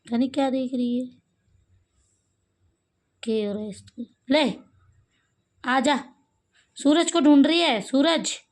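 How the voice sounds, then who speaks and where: A woman's voice: sits high, slow, pauses often. A woman filming a cat in her home courtyard on a phone, talking to it and calling it in a coaxing, sing-song way. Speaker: pet vlogger. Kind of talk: casual talk to a cat while filming. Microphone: phone camera.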